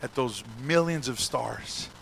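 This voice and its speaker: A man voicing God as a calm, tender male voice, speaking slowly and softly within a sermon. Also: medium pitch, gravelly, slight background noise, pitched below the performer's own voice, poor audio. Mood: gentle.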